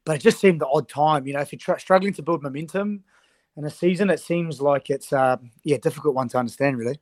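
A man with a slightly high voice gives rugby analysis. He speaks as a coach being interviewed, in a setting with little echo. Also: fast talker, clean studio sound.

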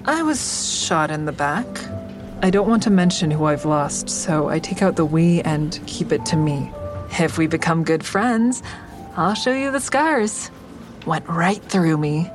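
Speaking over music, a woman whose voice sits low delivers her lines animatedly and a little slowly. She plays an audio-drama survivor who is awkward and smitten, narrating her own tale in a guarded yet confiding, self-deprecating way.

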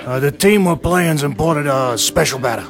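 A man's voice: on the high side, normal speed, over music, close to an everyday voice. A man playing a pushy team manager. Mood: worried. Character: male team manager, pushy and cautious promoter. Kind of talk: radio drama acting.

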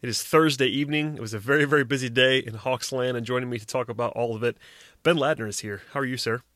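A man hosting a sports podcast in a casual, conversational way, often halting and correcting himself. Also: mid-range voice, fairly bright tone, no echo, studio quality.

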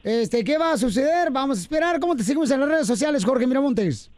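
A man's voice: very high-pitched, expressive, quick pace, darkish tone, no echo. A middle-aged man hosting a comedic morning radio show, joking and slangy. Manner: playful and joking, slangy, acts out joke voices.

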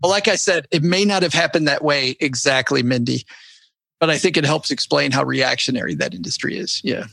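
A man with a forceful, bright voice and plenty of creak talks as a podcast guest. He is casual and joking, and the sound is dry and close. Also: fairly high pitch, animated, brisk, dry recording. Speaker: podcast guest, a show host himself.

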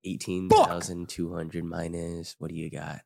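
A man's voice: low voice, little pitch movement, measured pace, gravelly, darkish tone. A young adult man with a standard American accent, chatting casually over a game in a slangy, profane, teasing way. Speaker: player watching and teasing opponent. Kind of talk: casual gaming banter.

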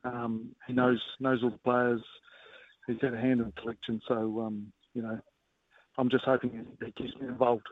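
A man giving casual, measured sports analysis as a guest coach, often pausing with filler phrases. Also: mid-range voice, little pitch movement, dry recording. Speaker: rugby coach as guest pundit. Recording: narrowband phone-like line.

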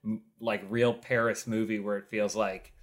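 A man's voice: on the low side, little pitch movement, moderate pace. A man co-hosting a casual group chat about movies, rambling and enthusiastic with lots of filler words. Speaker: podcast co-host.

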